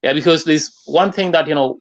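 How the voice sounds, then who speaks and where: A South Sudanese man with a matching accent hosts an unscripted political discussion as interviewer and forum host, talking discursively and saying "you know" a lot. His voice is fairly high, brisk, and gravelly.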